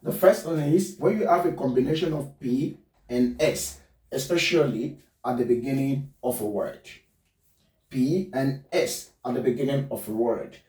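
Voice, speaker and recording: Male phonetics teacher, deliberate drill-like delivery, dark timbre, echoey room. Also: medium pitch. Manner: spells words letter by letter, repeats them slowly. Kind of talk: pronunciation lesson. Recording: roomy, distant mic.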